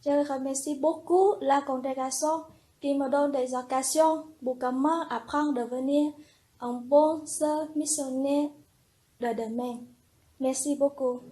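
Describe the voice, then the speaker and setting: A young woman, a religious sister in formation, giving a slow, earnest personal testimony in simple phrases. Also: high voice, steady tone, dark tone.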